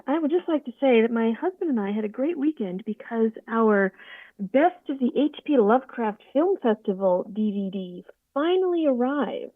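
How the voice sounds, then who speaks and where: Relaxing on her home sofa, a woman voice actor chats on a video call, telling stories with lively, theatrical flair at a normal speed. Her slightly high voice sounds tinny and narrow like a phone line, dry and close with no echo or room around it.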